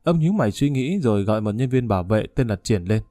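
A man narrating a novel in a steady storytelling voice, lightly shifting his tone for each character's lines. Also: fairly low pitch, fast talker, no room sound. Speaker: audiobook narrator. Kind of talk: scripted narration of a novel, voicing all characters.

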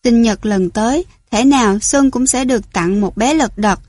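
A woman reading a story aloud in a gentle, clear manner. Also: a little high, moderate pace, dry recording. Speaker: narrator.

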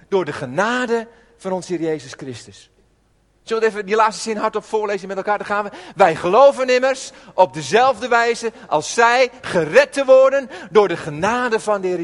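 A man with a high voice preaching an informal sermon, earnest and chatty, with plenty of rhetorical questions. His voice rings with a long hall reverb. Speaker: preacher, podcast host.

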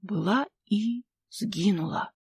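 A chatty old villager spins local legends in a loud, folksy, emphatic manner, as a woman reader puts him on. The voice is lively and pushes its lines hard, with a dry, close sound and no room around it. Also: medium pitch, takes it slowly, slightly rough, dry recording, full character voice. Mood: folksy storytelling. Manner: folksy, emphatic, rustic speech. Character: talkative old village man, folksy storyteller.

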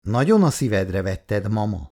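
A man voicing a calm older father who gently reproves his wife and tries to ease tension. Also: lowish voice.

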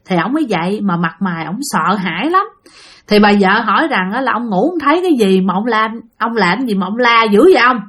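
A woman's voice: mid-range voice, animated, fairly quick, a bit bright, slightly rough. A woman with a Southern Vietnamese accent telling a spooky story in a chatty way, often speaking to her listeners. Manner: chatty, addresses listeners directly, frequent fillers.

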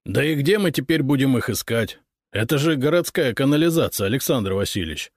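A man voicing a gruff, irritable male police investigator who barks orders. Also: mid-range voice, animated, brisk, no echo, studio quality, voice pushed up. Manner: barking, grumbling.

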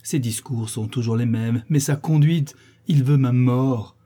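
A man's voice: medium pitch, unhurried, mellow, breathy edge. A man voicing a tearful, wounded young woman who reproaches her lover in a storybook reading. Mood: anguished reproach. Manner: heartbroken, reproachful.

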